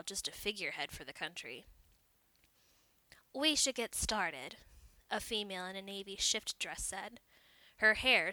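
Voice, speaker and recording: Woman, story narration, measured and clear, bright forceful voice, dry close recording. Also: medium pitch, dry recording.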